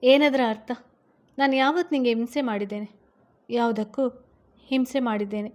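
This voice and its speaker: A woman's voice: on the high side, steady tone, moderate pace, a little mellow, close to an everyday voice. A woman voicing a harsh, scolding rich husband. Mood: stern scolding. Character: stern rich young businessman husband.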